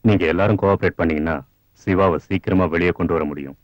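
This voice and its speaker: An actor playing a principled male jail superintendent who speaks in a calm, reassuring, measured way in a dubbed film. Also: deep voice, dry recording, dull audio, lightly acted.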